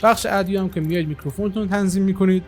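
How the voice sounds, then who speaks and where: A man's voice: sits high, soft background music. A man hosting a gaming channel, talking casually at his computer through a game-settings tutorial, with many hesitations. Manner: relaxed, many filler hesitations. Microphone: single desktop microphone.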